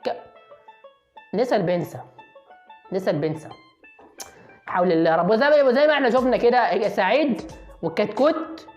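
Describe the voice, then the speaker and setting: A woman with an Egyptian accent giving playful voice-over commentary on a video. She teases the people on screen like a mock sportscaster and sometimes breaks into excited yells. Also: medium pitch, a little fast, long pauses, highs cut off, faint music behind. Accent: Egyptian Arabic.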